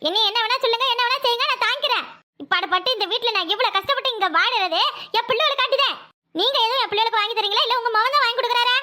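High bright southern Tamil woman. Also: racing. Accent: southern Tamil Nadu, Tirunelveli-Kanyakumari. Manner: pleading, then firmly defiant. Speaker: mother and daughter-in-law. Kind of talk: cartoon voice acting.

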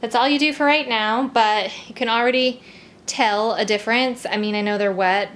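A woman's voice: medium pitch, fairly bright tone. A young woman talking through a home cleaning demo, chatty and casual with lots of ums and likes. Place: home living room.

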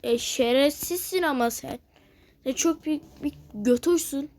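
A woman giving casual let's-play commentary, cursing, teasing and reacting loudly to the game. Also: high-pitched, unhurried. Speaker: gamer playing a video game.

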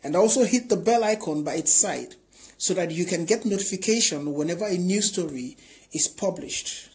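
Animated woman news presenter. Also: on the low side, normal speed, husky, low-quality recording. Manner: indignant, rising rhetorical questions in commentary. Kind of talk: news reading then opinion commentary.

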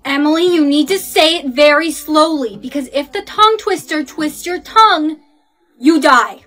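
A woman's voice: high voice, lively intonation, normal speed, a bit bright. A young woman acting in comedy skits, with dramatic, anxious outbursts. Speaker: skit creator.

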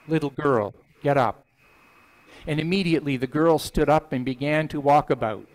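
An older man reading scripture aloud and preaching in a church sanctuary on a headset mic, voicing quoted lines with lifted pitch. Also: rough recording. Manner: expressive reading, voices quoted lines higher; stands at the front holding a book, conversational preaching. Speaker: minister.

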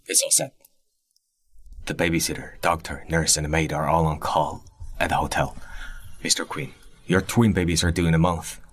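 An actor playing a dutiful assistant who reports briskly and respectfully. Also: male voice, very deep voice, level tone, slightly rough.

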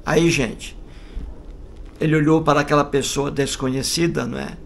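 A man's voice: a little high, steady tone, moderate pace, gravelly, slight background noise. A man casually telling a long joke, rambling and repeating himself with folksy asides. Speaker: joke storyteller.

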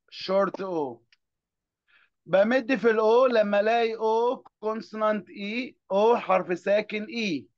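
A man's voice: high voice, dry recording. Man, Egyptian accent, patient classroom drilling, dry dull-sounding recording. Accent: Egyptian Arabic. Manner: patient, drills children word by word in Egyptian Arabic and English. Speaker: English teacher. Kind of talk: classroom phonics lesson.

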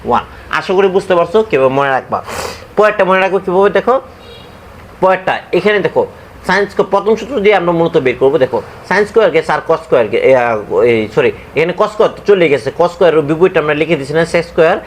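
Young male tutor, slightly high voice, casual and repetitive, answers his own questions, faint background hiss. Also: expressive. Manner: repeats questions and answers them himself; slow and deliberate, drawn-out formulas. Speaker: math tutor. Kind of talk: casual classroom explanation.

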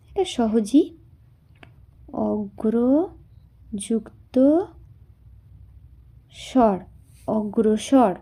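A woman's voice: sits high, mellow. A woman teaching a class lesson, spelling words out syllable by syllable and answering her own questions.

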